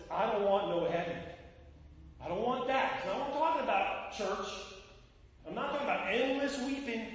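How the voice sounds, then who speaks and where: A man preaching a sermon, calling out to his listeners and breaking into short sung lines. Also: high voice. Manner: preaching with sung snatches and call-outs to listeners. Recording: echoey hall from far off.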